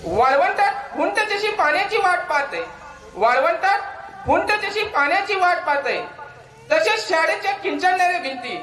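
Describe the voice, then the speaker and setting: A man's voice: very high-pitched, sharp tone, reverberant, slight background noise, poor audio. A man with a Khandesh Ahirani accent, an alumnus reciting emotional poetry at a school reunion, declaiming and repeating lines for effect. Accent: Khandesh (Ahirani dialect).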